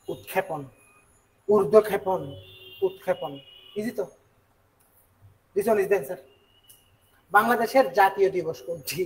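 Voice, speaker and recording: A man from Bangladesh working through exam questions as a tutor, repeating key words and asking quick check questions. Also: high voice, rough recording. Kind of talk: exam question walkthrough lesson.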